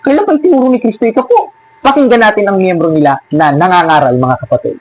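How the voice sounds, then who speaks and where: High-voiced sarcastic male preacher. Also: animated, fast talker, rough recording. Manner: sarcastic, scolding, laughs at his opponents. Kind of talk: preaching and mocking a rival church.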